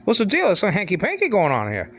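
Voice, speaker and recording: A man of sixty giving an informal talk on faith, halting and repeating himself, often asking if the listener follows. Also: high voice, wildly swooping pitch, fairly bright tone. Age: 60s. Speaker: father speaking on faith.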